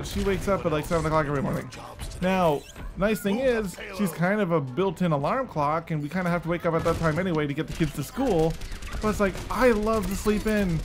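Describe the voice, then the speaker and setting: High-voiced man on a weary back-in-my-day rant. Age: 30s. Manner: emphatic repetition for stress. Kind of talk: casual off-the-cuff rant.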